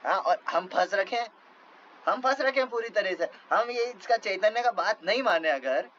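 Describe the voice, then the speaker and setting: A man's voice: high voice, expressive, moderate pace, a bit bright, lo-fi sound, slight background noise. A man voicing a young, playful holy man who complains in a teasing way. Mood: indignant.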